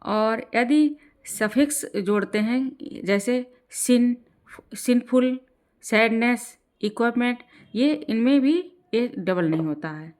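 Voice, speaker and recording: A woman teaching an exam-prep grammar lesson in Hindi, slowing down when she reads rules aloud and often checking in with "ठीक है". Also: a little high, lively intonation, darkish tone. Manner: explains in Hindi, slows down to read English rules aloud; repeats "ठीक है" to check in with learners.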